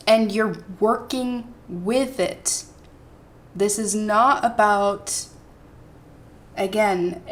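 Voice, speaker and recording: A woman giving a pick-a-card tarot reading in a loose, digressive monologue, often checking in with the listener. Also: medium pitch. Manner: digressive, checks in with "right?" and "okay?". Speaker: tarot reader.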